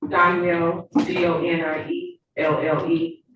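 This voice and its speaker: A woman's voice: lowish voice, flat delivery, a little slow, noisy background. A woman giving formal testimony as a witness in brief, reserved answers. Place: indoor courtroom witness box. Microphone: courtroom microphone. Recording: very echoey room, distant dull mic.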